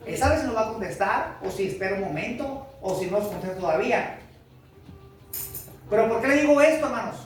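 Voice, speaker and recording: A man's voice: high-pitched, animated, brisk, far from the mic, a little hiss or hum. A man preaching a sermon as pastor, emphatic, asking rhetorical questions and calling for amens. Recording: echoey church hall from afar. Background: congregation responding.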